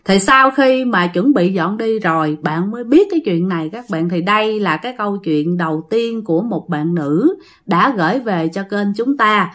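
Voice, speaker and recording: A woman's voice: mid-range voice, animated, moderate pace, fairly bright tone. A woman with a Southern Vietnamese accent telling ghost stories for her channel in a chatty, dramatic way, speaking straight to her listeners. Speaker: storyteller of a ghost-story channel. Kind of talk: casual ghost-story narration.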